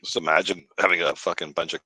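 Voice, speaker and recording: A man's voice: sits low, flat delivery, quick pace, sharp tone, breathy edge, no echo, poor audio. A man co-hosting a casual chat on a video call, blunt and joking, swearing freely. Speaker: co-host.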